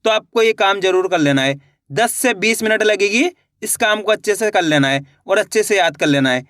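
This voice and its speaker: A man's voice: high voice, expressive, moderate pace, a bit bright, dry recording, clean studio sound. A man teaching a reading lesson, patiently spelling words out syllable by syllable and then blending them, talking to viewers as friends.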